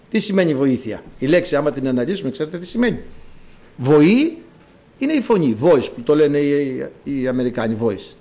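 A man with a fairly high voice preaches a sermon in church, moving between quiet explanation and loud cries of praise. He reads scripture aloud in a slow, formal cadence.

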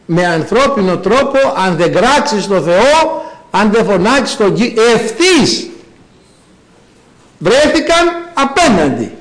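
Preacher guy, kinda high voice, jumps way up when he gets into the story. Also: poor audio. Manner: animated storytelling with sudden high bursts. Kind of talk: sermon.

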